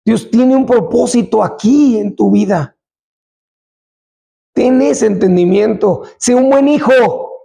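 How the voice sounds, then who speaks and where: High raspy preacher. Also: male voice. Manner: impassioned and exhorting, repeats phrases, bursts into shouts. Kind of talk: sermon.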